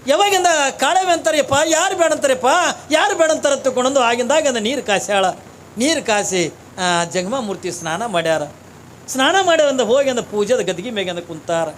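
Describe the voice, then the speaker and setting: A man's voice: extremely high pitch, lively intonation, moderate pace, fairly bright tone, slight background noise. A man preaching a devotional sermon in a North Karnataka Kannada accent, telling a story and asking the audience rhetorical questions. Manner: rhetorical, repeats phrases and asks the audience questions. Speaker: religious preacher.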